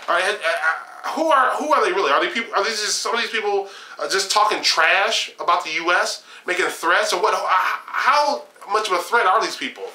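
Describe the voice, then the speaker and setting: A man's voice: high voice, a little fast, roomy sound. Sarcastic young man ranting on camera. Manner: animated, gesturing, sarcastic, frequent fillers and restarts. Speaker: political commentary vlogger. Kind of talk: opinionated political commentary. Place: small room at home, shelves of games behind.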